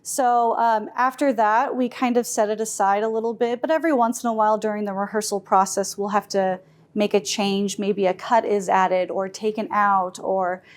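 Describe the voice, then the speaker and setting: A woman's voice: medium pitch, steady tone, moderate pace. Friendly woman librarian, casual interview. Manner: friendly, with many fillers and restarts. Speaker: head music librarian.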